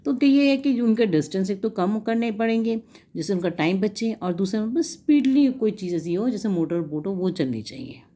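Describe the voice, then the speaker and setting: Mellow-voiced woman teaching. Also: mid-range voice, lively intonation. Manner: explains in Hindi, reads English text slowly. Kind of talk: homework walkthrough lesson.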